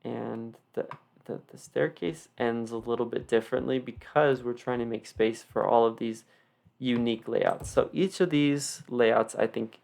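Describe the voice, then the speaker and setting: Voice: mid-range voice, steady tone, a little slow, creaky, a little mellow. A video creator with a slight lisp from wearing retainers gives a casual, unscripted tour commentary with rambling, self-deprecating asides. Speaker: video creator giving a game build tour.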